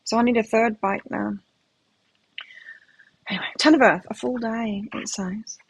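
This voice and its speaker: A woman's voice: fairly high pitch, steady tone, a little slow, creaky, breathy edge, no echo, rough recording. A middle-aged woman with a mixed British and Australian accent, chatting and musing aloud as she reads tarot cards live. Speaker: tarot reader. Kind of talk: live tarot reading chat.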